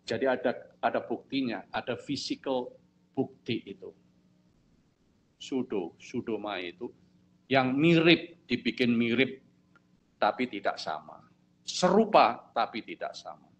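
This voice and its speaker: Man preaching with animated storytelling. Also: unhurried, long pauses. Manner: storytelling preacher, acts out dialogue with lively pitch jumps; asks the congregation if they follow. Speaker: pastor. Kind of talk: sermon.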